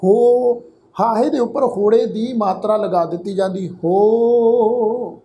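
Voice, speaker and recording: Gravelly-voiced man teaching scripture pronunciation. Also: high-pitched, mellow, a little hiss or hum. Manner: spells out letters and vowel marks, then models each word slowly. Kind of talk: slow line-by-line scripture pronunciation lesson.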